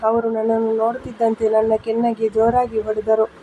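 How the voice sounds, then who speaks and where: A woman reads a first-person story in an even, measured way. Her voice is fairly high but flat and mellow. It sounds dull and lo-fi, with a faint hiss underneath.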